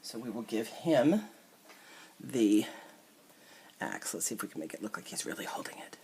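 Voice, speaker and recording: A middle-aged woman, an entertainment reporter, chatting casually as she shows off an old toy set, musing aloud with fillers and soft asides. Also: very deep voice, sing-song, normal speed, a little hiss or hum. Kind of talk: casual show-and-tell toy review. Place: indoors at a table with the toys. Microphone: camera mic close by.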